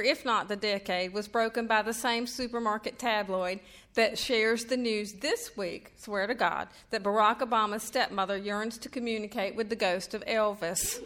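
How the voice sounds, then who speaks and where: At a reading in an event room, a middle-aged woman from North Carolina talks to the crowd in a Southern accent, chatty and joking at her own expense. Her voice sits at medium pitch and comes across a bit bright.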